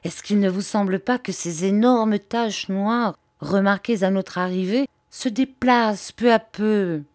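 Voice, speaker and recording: A woman's voice: medium pitch, a little slow, no room sound, studio quality, close to an everyday voice. A woman voicing a cocky joking Parisian reporter. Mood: jaunty, alarmed. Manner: mocking, jaunty banter.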